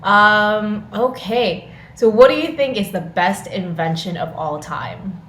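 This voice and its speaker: A woman with a mid-range, fairly bright voice hosts a podcast interview, taking it slowly while moving through quick questions in an enthusiastic, informal, upbeat way. The recording has a roomy echo and faint noise.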